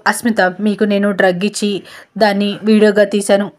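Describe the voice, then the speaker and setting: A woman reading out an obsessive young woman begging sorry over and over, pretty flat delivery, storybook retelling. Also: mid-range voice, brisk, close to an everyday voice. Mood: desperate. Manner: repeated pleading apologies.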